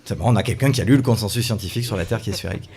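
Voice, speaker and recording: A man's voice: fairly low pitch, very fast, a little mellow. A man from France giving a casual, joking talk to a bar audience, chatting with people and asking them questions. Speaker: speaker at a science pub talk.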